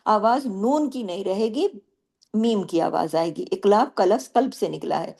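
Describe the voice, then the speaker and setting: A woman teaching tajweed, explaining the rules step by step and reciting Arabic words slowly. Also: medium pitch, vocal fry, darkish tone, husky. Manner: explains rules step by step, asking and answering her own questions.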